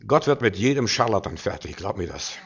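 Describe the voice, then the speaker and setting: A man preaching a sermon with emphasis, swinging between loud declarations and quiet, low asides. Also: very animated, fairly quick, creaky, breathy edge. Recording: dull lo-fi recording.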